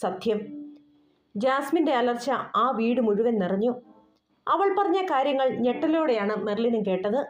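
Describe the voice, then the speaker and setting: A woman narrating an audio novel in a dramatic storytelling manner. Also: a little high. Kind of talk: scripted narration. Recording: roomy dull recording with soft music.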